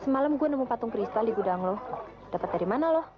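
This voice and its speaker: High-pitched young woman played by actress. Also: expressive, fast talker, natural voice. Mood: casual. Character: sensible, casual young female student friend. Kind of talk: Indonesian film acting, casual chat. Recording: dull lo-fi old film soundtrack.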